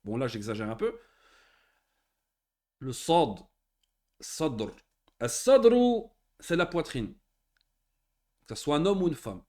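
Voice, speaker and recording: A man teaching a beginners' Arabic reading lesson in French, with casual asides, who slowly draws out and repeats each model word. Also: mid-range voice, big pitch swings, darkish tone. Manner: slow drawn-out model pronunciations repeated twice; chatty asides with tag questions. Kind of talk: classroom lesson explaining Arabic letters in French.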